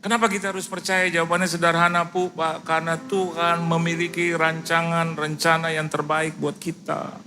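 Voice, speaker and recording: A middle-aged Indonesian man preaching a sermon, animated, acting out dialogue in lively quoted voices. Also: a little high, moderate pace, few pauses, faint music behind. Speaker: pastor. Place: church service.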